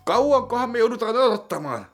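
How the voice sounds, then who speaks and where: A man's voice: extremely high pitch, very animated, soft background music, pitched above the performer's own voice, full character voice. A man voicing a fretful, easily worried character in a comedy sketch, complaining and asking anxious questions. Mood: whiny. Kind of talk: comedy sketch role-play.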